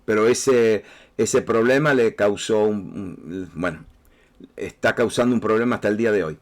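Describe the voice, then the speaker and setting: A man's voice: fairly low pitch, moderate pace. A man preaching a sermon in a Rioplatense Spanish accent, talking straight to the congregation and often repeating his words. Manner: conversational, repeats words, speaks directly to listeners. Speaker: pastor.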